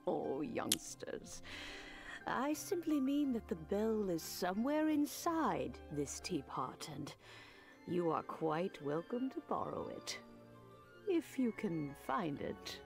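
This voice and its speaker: A woman voicing a kindly, doting old granny in a video game, gently apologetic and creaky. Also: medium pitch, sing-song, slow pace, exaggerated voice. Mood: kindly, unhurried. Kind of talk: video game character dialogue. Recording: game audio with music behind.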